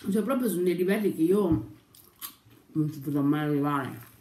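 A woman's voice: low-pitched, normal speed, mellow, a little hiss or hum. A young woman chatting casually on her vlog over breakfast, rambling and sometimes talking with her mouth full. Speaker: YouTuber. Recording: echoey room.

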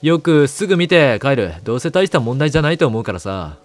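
A man's voice: mid-range voice, sing-song, quick pace, soft background music, lightly acted. A man reading the lines of a laid-back male repairman in a horror game, in a breezy, familiar tone.

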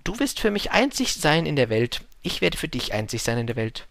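A man voicing a talkative, wistful male fox in an audiobook, speaking up with a lively, pleading tone. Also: a little high, fairly quick, creaky, voice pushed up, full character voice. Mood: earnest. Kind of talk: audiobook reading.

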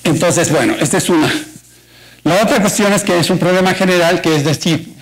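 In a lecture auditorium, a man with a Mexican Spanish accent delivers a university mathematics colloquium, walking through ideas step by step and posing rhetorical questions to the audience. His voice is high-pitched and a little fast, and the recording is rough.

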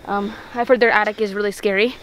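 A young woman vlogging casually at night to her viewers, nervous and jumpy, sometimes dropping to a hush. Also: medium pitch, steady tone, fast talker, slight background noise, rough recording. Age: young adult. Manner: nervous, jumpy, hushed at times. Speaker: vlog host. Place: outdoors at night, in a car, and in a house and attic.

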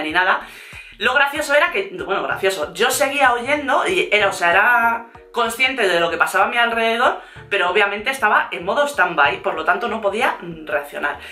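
A woman with a Spain Spanish accent telling a storytime vlog in a lively way, laughing and acting out what others said. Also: mid-range voice, roomy sound. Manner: lively, laughing, acts out quotes. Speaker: vlogger. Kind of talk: storytime monologue.

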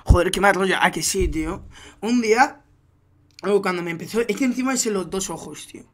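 A young man with a Spanish accent from Spain, chatting casually while streaming a game, slangy and animated when he tells a story. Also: sits high, fairly quick. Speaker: gaming streamer. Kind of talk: casual gaming stream chat.

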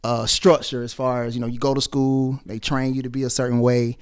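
In a casual interview, a young-adult rapper and actor from the South Side of Atlanta chats loosely into a handheld mic, repeatedly dropping "you know what I'm saying." His medium-pitched voice stays level and clean, moving fairly quickly, and the recording is dry and studio quality.

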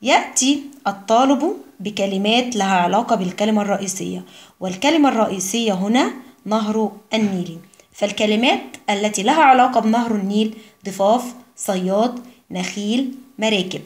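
A woman teacher gives an Arabic lesson for young pupils, reading word lists slowly and carefully. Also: medium pitch. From Egypt. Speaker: primary school Arabic teacher. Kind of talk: recorded classroom lesson.

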